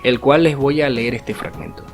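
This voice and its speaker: A man's voice: medium pitch, steady tone, moderate pace. A man teaching an online language lesson in an explanatory way, often checking in with rhetorical tag questions. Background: faint guitar music.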